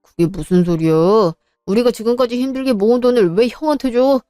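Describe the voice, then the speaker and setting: A woman's voice: fairly high pitch, brisk, mellow, no room sound, clean studio sound, faint music behind, lightly acted. A woman voicing an exasperated younger son. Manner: exasperated, argumentative. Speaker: husband character. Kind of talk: narrated drama dialogue.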